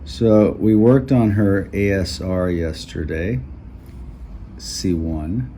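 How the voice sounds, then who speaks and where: A middle-aged man speaks as a chiropractor, naming bones and spine levels one at a time in an instructive way. His voice sits very low. The recording is from a small clinic room with noticeable background hiss. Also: slow. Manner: calm, instructive, names body parts step by step. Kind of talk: explaining to a patient during treatment. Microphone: camera in the room.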